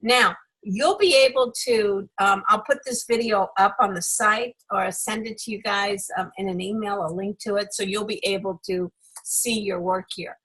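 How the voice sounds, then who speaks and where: A woman's voice: mid-range voice, steady tone, normal speed, a bit bright, slightly rough, rough recording. A woman working as a public speaking coach, giving effusive, emphatic, encouraging feedback to a group on a video call.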